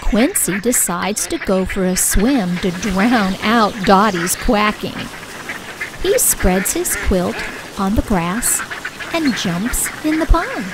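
A woman reading a children's picture book aloud with clear, expressive storytelling. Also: mid-range voice, slow, background noise. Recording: soft music bed underneath.

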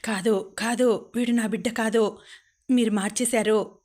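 A woman's voice: fairly high pitch, steady tone, a little slow, a little mellow. A woman voicing Radha, a grief-stricken young mother who pleads through tears. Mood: anguished. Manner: pleading, tearful. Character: young woman, new mother, anguished and defiant.

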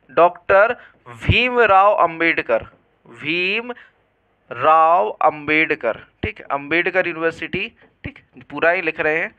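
Bright, high-voiced male exam tutor. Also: clear, resonant tone, highs cut off. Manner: quizzing, repeats questions back to students. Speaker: exam prep teacher. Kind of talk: online exam lesson.

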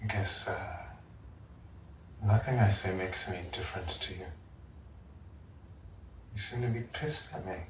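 A man's voice: low-pitched, unhurried, pauses often. An actor playing a flustered young man who stammers and pleads with his sulking girlfriend, in naturalistic film dialogue. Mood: pleading. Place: living room of a home. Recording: roomy room echo, faint background hum.

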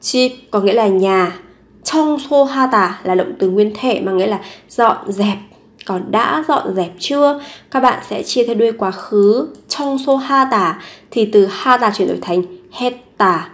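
A woman's voice: mid-range voice, measured pace. A young woman with a Vietnamese accent teaching Korean phrases, patiently repeating each example several times. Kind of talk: language lesson explaining phrases.

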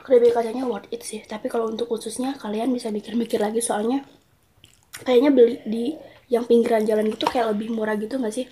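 High-voiced young woman talking while crunching chips. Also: fairly even intonation, quick pace, dark tone. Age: young adult. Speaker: food reviewer. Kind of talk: casual mukbang review. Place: small room at home. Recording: noisy close-up home recording.

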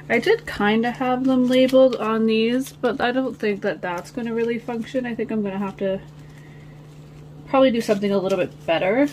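A woman's voice: on the high side, noisy background. A woman vlogging casually while she organizes her nail studio, rambling and talking to her viewers. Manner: rambling, chatty, talks to viewers as guys. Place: home nail studio, sitting on the floor.

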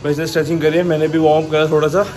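A man's voice: fairly high pitch, very fast. A young man casually explaining his route and workout to viewers on a handheld phone outdoors. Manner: relaxed, explaining route and gym routine to viewers. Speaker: vlogger. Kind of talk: casual chat. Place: outdoors on a cycle path and in a gym. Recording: noisy outdoor street ambience.

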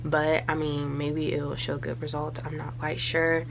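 A young woman in her twenties chats casually to camera from her small bedroom, candid and loose, full of fillers and trailing thoughts. Her low, gravelly voice comes out completely flat at normal speed. There's a noisy background in this vlog.

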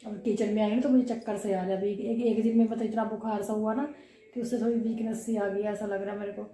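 Hoarse mother, echoey kitchen. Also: mid-range voice, flat delivery, fast talker, dark tone. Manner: chatty, rambling, talks to her kids. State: hoarse from a cough, unwell. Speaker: vlogger and mother. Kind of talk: casual home vlog. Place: home kitchen. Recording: echoey room.

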